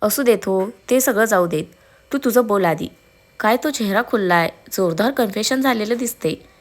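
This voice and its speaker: A woman's voice: mid-range voice, expressive, moderate pace, lightly acted. A woman voicing a cheerful middle-aged aunt who teases the young couple. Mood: teasing. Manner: teasing, laughing.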